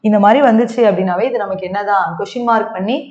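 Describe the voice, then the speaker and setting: A woman's voice: mid-range voice, fast, a little mellow. Tamil accent lady teacher doing english grammar, keeps asking "got it?", echoey kinda muffled recording. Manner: mixes Tamil and English, keeps asking the class to check understanding. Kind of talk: exam-prep grammar lesson.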